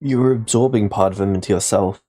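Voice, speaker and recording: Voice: low-pitched, fast, dark tone. A game master narrating a tabletop role-playing game and calling for rolls.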